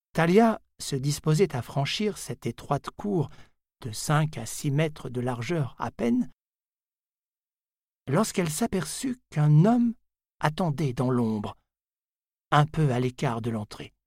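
A man reads a novel aloud at an unhurried, measured pace. His voice has a faint husky grain, and the recording is dry and close with no room sound. The delivery stays deliberate and even as he tells the story. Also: medium pitch, no echo. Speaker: audiobook narrator. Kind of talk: scripted narration of a novel.

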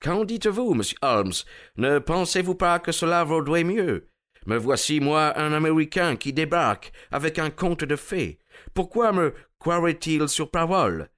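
Man doing a pushy, brisk American lawyer. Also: a little high, lively intonation, fairly bright tone, voice pushed up. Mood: insistent. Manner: insistent, hurried, persuasive.

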